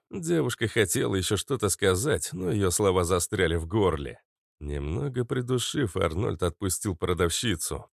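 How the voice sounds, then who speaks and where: A man narrating an audiobook in an expressive storytelling manner. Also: low voice, creaky, no echo, clean studio sound. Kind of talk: scripted narration.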